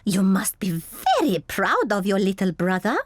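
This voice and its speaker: A woman voicing a kindly gazelle playgroup teacher in a children's cartoon, gentle and encouraging. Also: mid-range voice, expressive, moderate pace, dry recording, lightly acted. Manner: gentle and encouraging, sing-song. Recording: studio voice with background music.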